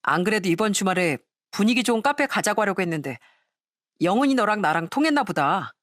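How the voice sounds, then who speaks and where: A woman's voice: mid-range voice, animated, fast, fairly bright tone, dry recording, studio quality, natural voice. A woman voicing a deceitful young male fiancé who stammers out excuses. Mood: cheerful. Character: deceitful two-timing young fiancé, man.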